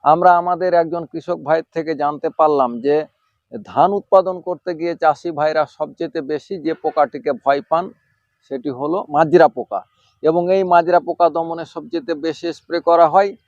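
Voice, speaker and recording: A man's voice: fairly high pitch, fairly even intonation, vocal fry, a little mellow, no room sound, muffled recording. Man explaining pest control in a rice field. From Bangladesh. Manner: measured explanatory talk with fillers. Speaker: agricultural extension officer. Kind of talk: outdoor farming lesson. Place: large rice field outdoors.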